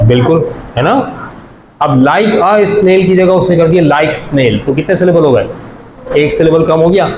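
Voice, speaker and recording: Slow, explaining male teacher in an echoey classroom. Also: a little high. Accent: Karachi Urdu. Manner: explains step by step, counts syllables aloud, asks the class questions. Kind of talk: classroom lecture. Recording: echoey room with faint background noise.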